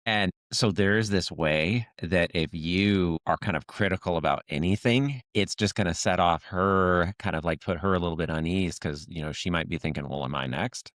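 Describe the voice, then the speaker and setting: A man with a very low voice co-hosts a podcast in loose, casual talk. He rambles through lots of "like" and "you know" and slips into little acted-out quotes. The sound is close and dry, with no room around it. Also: normal speed, few pauses, a bit bright, dry recording. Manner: acts out little quoted lines. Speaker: podcast co-host. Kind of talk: casual conversation.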